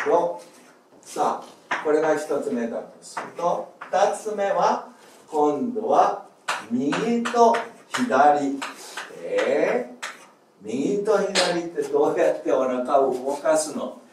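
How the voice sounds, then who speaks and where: A male music teacher giving a video lesson on breathing exercises, calling out short, loud counts as he demonstrates. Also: a little high, animated, slow, noisy background. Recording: roomy echo, distant mic.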